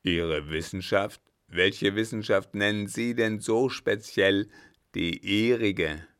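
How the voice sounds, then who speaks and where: A man's voice: steady tone, a little slow, clean tone. A man reading a German story aloud, voicing a blustering, domineering old captain who roars his threats. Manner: booming, shouted outbursts.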